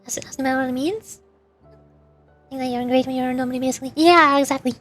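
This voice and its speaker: A young woman vtuber streamer chats casually about games, rambling through her commentary with lots of fillers. Her voice sits high and fairly bright, with fairly even intonation and a fast pace. Faint music plays behind her.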